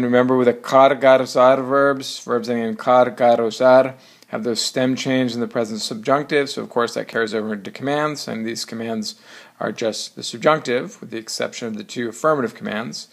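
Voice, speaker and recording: Man, teacher, recorded grammar lesson, step-by-step explanations, slow careful examples. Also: mid-range voice, creaky. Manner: explains step by step, says "so" and "right" a lot, slows down on example words. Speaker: Spanish teacher. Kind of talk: recorded grammar lesson, mixing English and Spanish.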